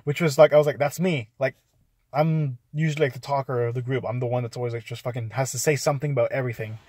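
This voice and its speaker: A young man rambles through a casual vlog review, swearing freely and leaning on "like" as he tells his story. His voice sits at an ordinary middle pitch, and the recording is dry and close, with no room sound around it. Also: fast talker, slightly rough, dry recording. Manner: rambling, profane, animated storytelling with lots of "like". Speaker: movie reviewer vlogger.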